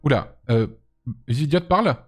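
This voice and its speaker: A man's voice: a little high, lively intonation, a little slow, faint music behind. A man hosting a live stream, chatting casually with lots of fillers and teasing his guests. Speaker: streamer host.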